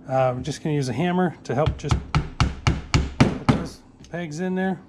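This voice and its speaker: A man's voice: a little high, normal speed, heavy background noise. A man in his forties in a workshop, casually walking through a build step by step with plenty of "uh"s. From Northeast Florida. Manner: plain, easygoing, narrating each step with many "uh"s. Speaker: fishing tackle maker. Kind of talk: casual how-to workshop demonstration.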